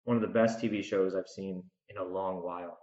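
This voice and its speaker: His low voice holds a steady, slightly mellow tone and moves fairly quickly. The American podcast host and author rants casually and emphatically to the listener on his solo show, voicing strong opinions in a dull, echoey room recording.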